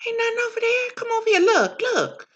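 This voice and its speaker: A woman's voice: very high voice, very animated, brisk, lo-fi sound, voice pushed up. A woman voicing the mind as a slangy, mocking woman who coaxes and taunts the listener. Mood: coaxing. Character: the mind personified, sassy coaxing woman, mocking.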